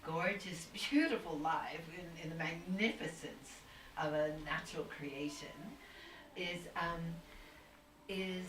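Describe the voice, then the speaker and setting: On a video call, a woman guest with a lowish, slightly bright voice talks slowly and at length in casual conversation, rambling and searching with a spiritual bent and many restarts. The mic is distant and roomy, with faint noise.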